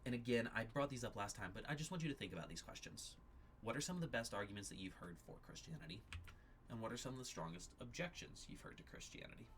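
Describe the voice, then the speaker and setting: A man teaching an apologetics class at his church, explaining ideas in a measured, step-by-step way. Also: medium pitch, very animated, a bit bright, slight background noise. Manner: explanatory, measured, occasional restarts.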